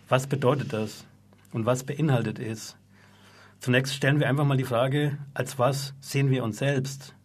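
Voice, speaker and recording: A man co-hosting a radio talk show, speaking from the studio with frequent hesitant fillers. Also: mid-range voice.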